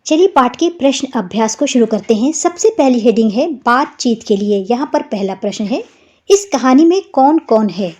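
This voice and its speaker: A woman teaching a young children's class lesson, explaining slowly and patiently and spelling out words one by one. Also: a little high, lively intonation, darkish tone, husky.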